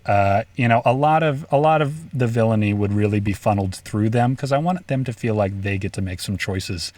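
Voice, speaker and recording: A man's voice: on the low side, fairly quick, a little mellow, dry recording. A man co-hosting a podcast in casual chat, joking in a dry, mock-serious way. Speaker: podcast co-host.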